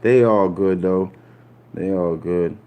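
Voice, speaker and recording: Low, slow, and smooth with a dark tone, this Puerto Rican man streams casual, rambling commentary to his live chat. Street slang, repeated lines, and "you feel me" asides run through his talk.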